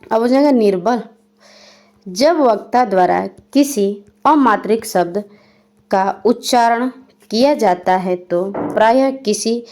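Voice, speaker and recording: Mellow-voiced woman teaching Hindi grammar. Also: on the high side, slow pace. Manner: reads a definition, then re-explains it in plain words; spells out examples one by one. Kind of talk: exam-prep grammar lesson.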